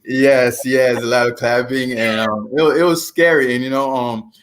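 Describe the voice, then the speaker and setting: A man in his twenties from Haiti, a guest telling his story in a casual interview, relaxed and chuckling, with many fillers. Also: mid-range voice, normal speed, a little hiss or hum. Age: 20s.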